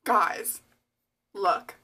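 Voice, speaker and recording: A young woman from Canada, hosting her own vlog and gushing with excitement as she opens a gift package, full of little fillers and exclamations. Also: extremely slow. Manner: gushing, breathless, lots of likes and oh my gods. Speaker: vlogger.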